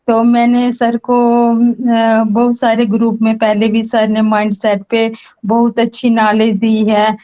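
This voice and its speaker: A woman's voice: on the high side, warm tone. Hesitant woman from Jammu, dull call audio. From Jammu, India. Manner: hesitant, many fillers and repeated thanks. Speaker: participant in an online session. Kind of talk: casual testimonial.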